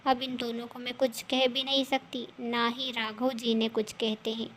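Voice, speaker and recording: A woman's voice: fairly high pitch, level tone, moderate pace, slight background noise. A woman doing a weary, put-upon young wife. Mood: pleading. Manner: pleading, gentle.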